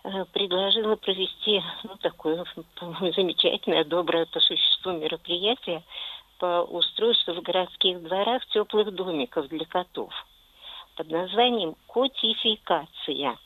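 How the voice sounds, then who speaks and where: A woman's voice: lowish voice, moderate pace, sharp tone, no room sound, poor audio. A woman calling in to a radio show and asking a long question in an earnest, hesitant way. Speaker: caller.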